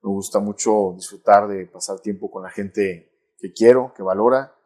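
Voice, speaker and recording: Reflective priest, lowish voice. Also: male voice, fairly even intonation, moderate pace, darkish tone. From Mexico. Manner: reflective, frequent tag "¿no?" and restarts. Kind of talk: casual interview conversation.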